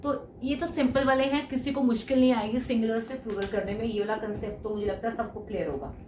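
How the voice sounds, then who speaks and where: A woman's voice: on the high side, steady tone, fast, a little mellow. A woman teaching an online English lesson, coaxing viewers to repeat after her and write in the comments. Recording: echoey room with faint background noise.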